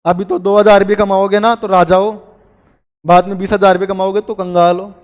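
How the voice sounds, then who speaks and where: High-voiced man teaching in a reverberant hall. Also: flat delivery, moderate pace, smooth. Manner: chatty, joking asides to students. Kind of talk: classroom grammar lecture.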